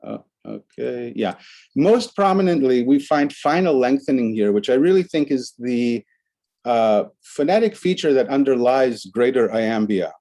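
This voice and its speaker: A man's voice: mid-range voice, animated, a little slow, dark tone. A man giving an academic conference presentation, explaining the examples on his slides one by one.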